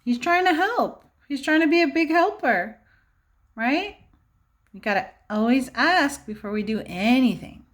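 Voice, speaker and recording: A high-voiced female teacher reads a picture book aloud to young children, expressive and instructive, frequently stopping to ask them questions.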